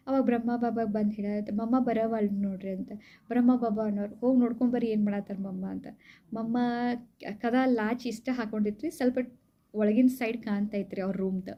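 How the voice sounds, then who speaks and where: A woman giving a devotional talk, retelling stories conversationally and addressing listeners warmly with frequent polite asides. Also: a little high. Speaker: spiritual speaker. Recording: slightly dull recording with faint background hiss.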